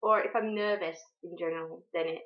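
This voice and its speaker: Speaking off the cuff to camera, this young woman from Finland has a fairly low, steady voice and a brisk delivery. Her Finnish accent comes through, she hesitates often with ums and restarts, and the audio has a dull lo-fi quality.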